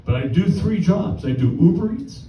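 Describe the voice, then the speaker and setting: A man's voice: high-pitched, expressive, normal speed, dull audio, a little hiss or hum. A man in his sixties performing a stand-up comedy set, telling rambling stories with wry punchlines. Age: 60s. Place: live comedy stage. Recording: roomy, distant mic.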